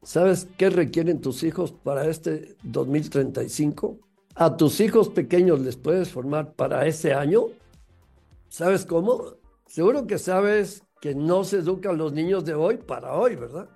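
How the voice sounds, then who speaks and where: A man gives a motivational talk about raising children, firing off rhetorical questions. His voice is warm and gravelly, with a husky edge. Faint music plays behind him. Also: on the high side, lively intonation, measured pace. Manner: emphatic, full of rhetorical questions.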